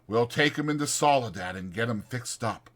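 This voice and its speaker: A man voicing a calm, authoritative ranch worker with a level, commanding way of talking. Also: mid-range voice, moderate pace. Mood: steady. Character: calm authoritative male mule skinner, steady.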